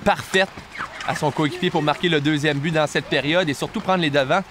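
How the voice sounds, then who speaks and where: A man's voice: a little high, brisk. A man with a Quebec French accent giving live sports analysis as a colour commentator during a game. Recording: clear venue noise behind.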